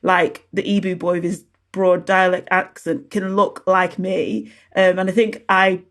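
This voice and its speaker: A woman born in South Sudan, a teacher and activist, answering an interview earnestly in halting phrases. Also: on the low side, flat delivery, fairly bright tone. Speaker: guest, teacher and community activist.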